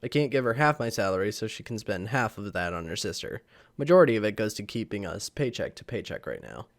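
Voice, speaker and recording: A lowish, very animated voice moves at a quick pace as a young channel host reads online posts in a casual vlog. Slightly sick, he rambles, chuckles, and uses many fillers, all captured by the camera mic.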